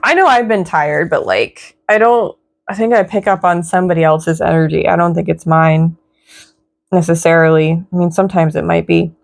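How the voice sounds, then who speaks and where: A woman's voice: fairly low pitch, fairly even intonation, gravelly. A young woman giving a casual tarot reading in a reflective, encouraging way. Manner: slow, reflective, spiritual, encouraging. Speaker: tarot reader.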